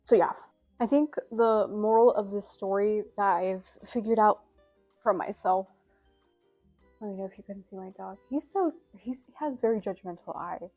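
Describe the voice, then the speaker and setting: A woman's voice: medium pitch, normal speed, warm tone, soft background music. Rambling young woman vlogger, slightly breathless. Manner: rambling, filler-heavy, self-deprecating. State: slightly out of breath, scratchy throat. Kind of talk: casual chat to camera.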